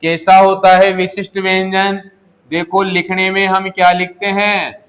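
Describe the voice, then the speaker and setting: A man's voice: high voice, little pitch movement, a little slow, a bit bright. A male Hindi teacher in a classroom lesson, asking questions and answering them himself, repeating key words. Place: coaching classroom.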